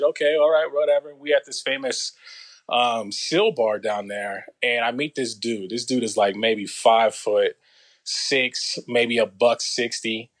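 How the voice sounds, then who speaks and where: A man's voice: medium pitch, fairly bright tone. Laid-back LA man in his thirties. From Los Angeles. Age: 30s. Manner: laid-back storytelling, slangy, many fillers. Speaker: guest, former soldier. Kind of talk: casual interview.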